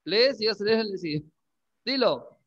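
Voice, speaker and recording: A male English teacher giving a class, repeating words slowly and checking in with questions. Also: sits high, animated, fairly bright tone, lo-fi sound. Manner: coaxing, checks in with frequent questions. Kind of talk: classroom lesson.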